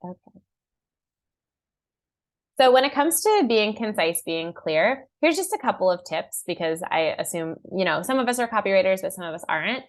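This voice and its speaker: A young woman giving an online marketing class in an upbeat, conversational way, full of "like" and quick acted-out asides. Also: medium pitch, expressive. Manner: upbeat and conversational, heavy use of "like"; acts out clients' and buyers' lines in a raised voice. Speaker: marketing workshop presenter.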